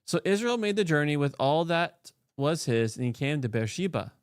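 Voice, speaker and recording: A man with a smooth, clean voice, heard close and dry with no room sound. He chats casually while gaming, then reads scripture aloud and breaks off into animated, joking asides. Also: a little high, moderate pace, no echo. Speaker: streamer.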